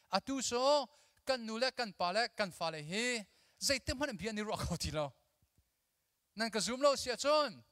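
A man in his thirties gives an energetic, animated sermon to a youth audience from a church auditorium stage. He talks into a handheld mic, mixes English with his own language, and drills the crowd with call-and-response. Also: high voice, no echo, studio quality, in a large hall. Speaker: youth conference speaker.

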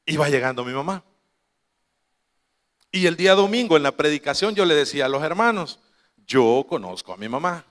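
A man's voice: fairly high pitch, animated, normal speed, long pauses, fairly bright tone, long reverb tail. A man preaching a sermon to his congregation, telling a family story with quoted voices and laughing asides. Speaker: pastor.

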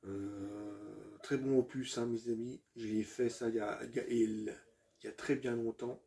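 A man walks through his video game collection, talking casually and haltingly, with lots of fillers and restarts as he turns to his viewers as friends. His voice sits in a middle pitch with a mellow, darker tone. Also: steady tone, creaky.

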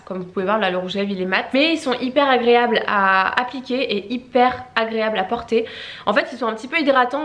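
A young woman vlogging casually at home, chatty and rambling with many fillers. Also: fairly high pitch. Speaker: beauty vlogger. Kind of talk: casual vlog chat. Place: at home, indoors. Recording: echoey room.

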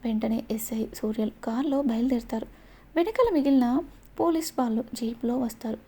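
A woman narrating a romantic story in a gentle, scripted reading. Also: on the high side, fairly quick, slightly rough.

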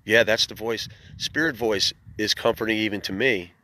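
Filming on a phone he holds himself, a man livestreams casually beside a lake, calling out viewers by name and drifting into long, reflective musings. His voice is fairly low, pushed and bright, at a moderate pace.

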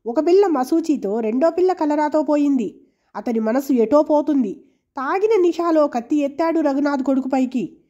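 A woman reading a novel aloud in a steady, measured storytelling manner. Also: sits high. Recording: dull lo-fi recording.

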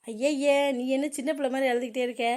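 Woman doing an exasperated cartoon sister-in-law, high voice, dismissive. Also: steady tone, fast talker, a little mellow, lightly acted. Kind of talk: cartoon comedy voice acting.

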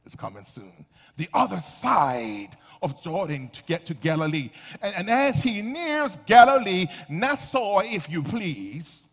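A man preaching a sermon, calling out to the congregation and swinging between shouts and quiet asides. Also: sits high, sing-song, measured pace, few pauses, in a large hall. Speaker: pastor. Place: church sanctuary.

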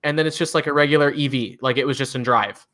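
A man's voice: mid-range voice, fast, fairly bright tone. A man with a Midwestern accent co-hosting a car news recap, talking in an enthusiastic, chatty way. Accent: Midwestern American. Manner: chatty, enthusiastic, frequent fillers and laughs. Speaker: co-host of a car news show. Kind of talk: casual news recap chat.

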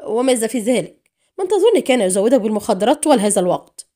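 A woman's voice: medium pitch, animated, quick pace, natural voice. A woman reading an audiobook, voicing a cruel, scheming female spy who mocks coldly and snaps in anger. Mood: harsh angry. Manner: cold menace rising to sharp anger.

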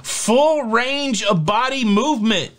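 This man in his forties speaks slowly in a very high, slightly bright voice while hosting a casual news vlog. His manner is chatty, upbeat, and jokey with plenty of fillers, set in a home studio lined with collectibles on shelves.

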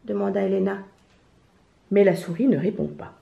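A woman reading a children's picture book aloud in a gentle storytelling manner. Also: mid-range voice, normal speed, vocal fry, a little hiss or hum. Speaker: storybook reader. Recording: roomy, slightly dull home recording.

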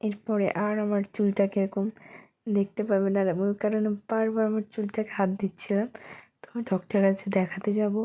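A young woman from Bengal, hoarse and rough-voiced, stumbling over words as she talks through a casual daily vlog. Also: medium pitch, level tone, brisk, mellow. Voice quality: rough, cracking voice. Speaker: vlogger.

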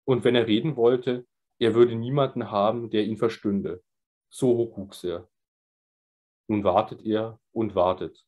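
A man voicing a calm old sage who speaks in a grave, measured teaching tone. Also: fairly low pitch.

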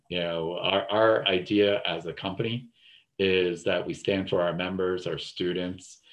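Speaking in a low pitch on a poor-quality recording, this webinar host has a New Jersey accent and runs the session over a video call. He rambles casually, leaning again and again on filler words.

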